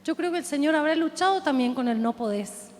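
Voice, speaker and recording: A woman's voice: high-pitched, quick pace, a little mellow, long reverb tail. Impassioned Rioplatense woman pastor preaching. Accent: Rioplatense Spanish. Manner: impassioned, dramatic, addresses listeners directly. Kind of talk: sermon.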